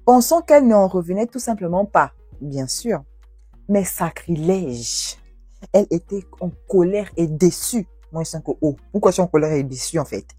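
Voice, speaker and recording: A young woman YouTuber telling viewers' love stories and reacting to them in an expressive, exclaiming way. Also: on the low side, moderate pace, husky, dry recording, soft background music. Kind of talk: storytelling with commentary.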